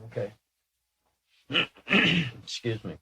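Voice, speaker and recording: A man's voice: medium pitch, sing-song, drawn-out words, creaky, noisy background. A man in his sixties, a sitter in a channeling session, self-deprecating and stammering, often chuckling. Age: 60s. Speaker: sitter asking questions. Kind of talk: channeling session, casual chat.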